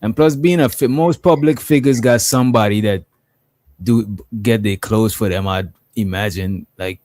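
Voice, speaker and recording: A man's voice: on the low side, normal speed, darkish tone, no room sound. Blunt, profane man on a dry mic. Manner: blunt, profane, loose slang, frequent "you know what I mean". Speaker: pastor and podcast co-host. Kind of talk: casual podcast chat.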